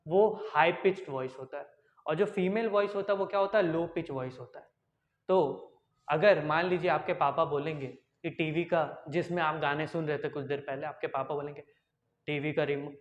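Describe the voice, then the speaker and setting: Tutor, male, high voice, quizzes himself aloud, echoey room. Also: highs cut off. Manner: repeats questions and answers them himself; switches between quiet and loud to demonstrate. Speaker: science teacher. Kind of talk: online science lesson.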